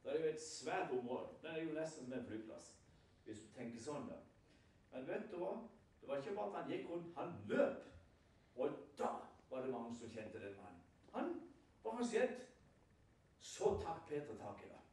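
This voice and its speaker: A man's voice: mid-range voice, sing-song, a little mellow. A man giving a sermon at a prayer house, retelling scripture as a story and often asking his listeners rhetorical questions. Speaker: lay preacher. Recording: very echoey hall, far from the mic.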